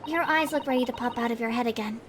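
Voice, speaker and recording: A woman voicing a gentle, polite young female assistant, softer and higher than her own voice. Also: fast, noisy background, close to an everyday voice.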